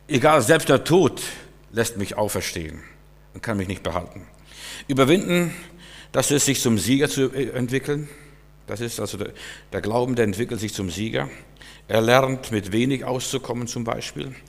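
A man preaching a sermon emphatically, swinging between loud declarations and quiet asides. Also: medium pitch. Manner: emphatic, rising and falling dynamics. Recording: echoey hall reverb.

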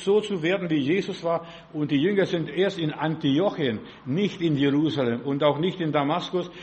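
A man in his late seventies, originally from the former Soviet Union, preaches a sermon in an exhorting, repetitive style, frequently tacking on short affirming tags. His voice sits high.

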